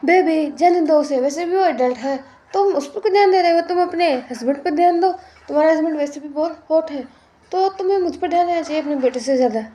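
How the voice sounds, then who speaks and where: A woman's voice: high voice, quick pace, dark tone, close to an everyday voice. A woman voicing a flirty, doting mafia husband who sweet-talks and teases his spouse in a storybook retelling. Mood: coaxing. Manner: teasing, sweet-talking.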